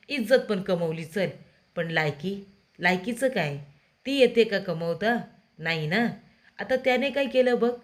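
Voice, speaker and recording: A woman's voice: medium pitch, close to an everyday voice. A woman narrator voicing an angry, scheming grown daughter who scolds her mother. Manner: scolding, bitter, raised voice.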